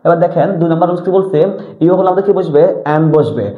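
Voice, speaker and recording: A man's voice: fairly high pitch, animated, quick pace. A man teaching an English grammar lesson, repeatedly asking and answering his own questions. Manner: repetitive question-and-answer drilling. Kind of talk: classroom-style lesson explanation. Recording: tinny lo-fi audio in an echoey room.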